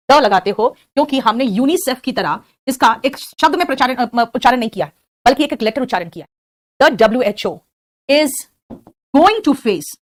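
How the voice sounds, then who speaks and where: Indian english teacher lady, kinda high voice, patient, keeps quizzing students. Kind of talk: spoken English class.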